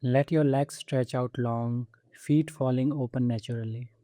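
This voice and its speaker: A man leads a guided body scan meditation at a measured pace, his medium-pitched voice very warm, dark, and relaxed. He speaks soothingly and gently, leaving space between short instructions, in a dry, intimate recording.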